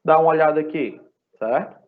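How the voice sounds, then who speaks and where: A man's voice: fairly high pitch, a little fast. A man with a Brazilian Portuguese accent teaching an English class live online, explaining patiently and checking in with the students often. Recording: dull lo-fi sound.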